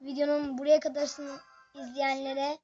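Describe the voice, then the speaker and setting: Excitable high-pitched gaming commentator. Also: a little slow, highs cut off, faint music behind. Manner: excitable, chatty, addresses viewers constantly. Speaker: gaming video host. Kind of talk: excited live gameplay commentary.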